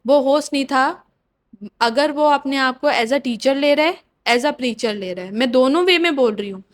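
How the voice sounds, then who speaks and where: A young adult woman speaking as a podcast guest in casual, opinionated chat, mixing English words into her speech. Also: high-pitched.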